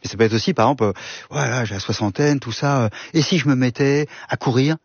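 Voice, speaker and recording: Expert guy on a talk show, talks really fast, lowish husky voice. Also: dry recording. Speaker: expert guest. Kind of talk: explaining in a studio discussion. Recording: slightly dull, muffled sound.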